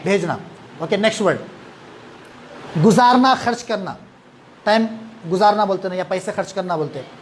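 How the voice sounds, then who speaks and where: A man's voice: high voice, expressive, moderate pace, pauses often, slight background noise. Man teaching English verb forms. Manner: drills students with repeat-after-me, mixes English and Hindi-Urdu. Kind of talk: online verb-forms class.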